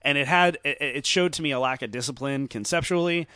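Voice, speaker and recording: Man, casual podcast chat, animated, profane, restarts sentences, mid pitch, dry close sound. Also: brisk, clean tone, no room sound. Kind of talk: casual chat, film criticism.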